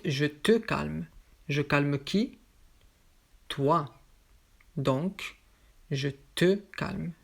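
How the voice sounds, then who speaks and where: A French teacher working through a grammar lesson at an unhurried pace. The voice has a gravelly, fry-tinged edge. Example sentences are repeated patiently, one at a time. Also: mid-range voice. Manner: slow, patient drilling of examples.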